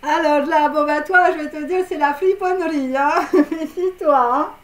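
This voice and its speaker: A woman's voice: high-pitched, moderate pace, roomy sound. A woman giving a casual tarot reading, rambling with many fillers and tag words and giggling at her own jokes. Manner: rambling, heavy on fillers and tags. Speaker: tarot card reader.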